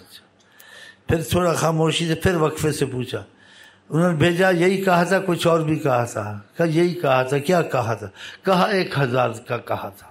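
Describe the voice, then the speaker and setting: A male preacher tells a devotional tale in a slightly raised voice. He slips into the people of the story by lifting his pitch for their lines. His delivery halts and restarts, with repeated words. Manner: retells a tale, voicing its people in quoted lines with a lifted pitch; halting restarts and repetitions. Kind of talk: storytelling sermon.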